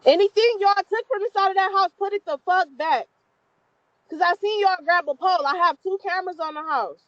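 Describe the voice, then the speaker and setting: A woman's voice: very high-pitched, fairly quick, fairly bright tone. A woman speaking through a doorbell camera speaker, confronting people at her house in a scolding way. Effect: heard through a doorbell camera speaker. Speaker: homeowner. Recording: dull, dry lo-fi doorbell speaker.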